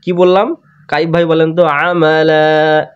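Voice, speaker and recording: A man teaching tajweed in an online class, patiently repeating words slowly for students to copy. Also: on the high side, muffled recording. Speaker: Quran recitation teacher. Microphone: video call.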